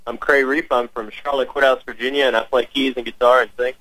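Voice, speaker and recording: A man's voice: medium pitch, little pitch movement, fast, sharp tone, dry recording. A young man in his twenties, a band member talking in an easygoing way as a radio guest, with lots of fillers. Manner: easygoing, chuckling, filler-heavy. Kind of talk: casual interview by phone. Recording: phone call line.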